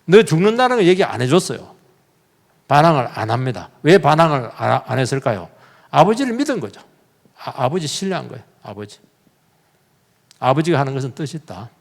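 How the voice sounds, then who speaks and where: A man's voice: a little high, a little fast, creaky. A male pastor preaching a sermon in a church, telling the story vividly and putting questions straight to his congregation. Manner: lively, questions the congregation directly; animated storytelling with sudden emphatic bursts. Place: church sanctuary. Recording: long reverb of a church hall.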